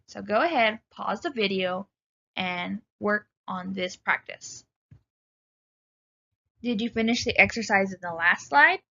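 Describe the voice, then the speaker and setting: A woman giving a recorded writing lecture, speaking clearly and instructively and addressing students directly. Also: mid-range voice, expressive, a little slow, long pauses, bright, forceful tone, dull audio.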